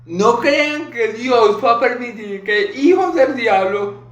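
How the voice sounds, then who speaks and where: A man preaching a sermon on a Bible passage in an emphatic style, asking rhetorical questions and clearing his throat often. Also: extremely high pitch, lively intonation, slow pace, fairly bright tone, roomy sound.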